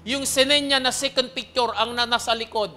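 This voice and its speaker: A man preaching as pastor, telling a personal testimony to his congregation in an earnest manner that swings between hushed and loud, pleading passages. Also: very high-pitched, fairly even intonation, moderate pace, a little hiss or hum. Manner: earnest, often checks in with the congregation.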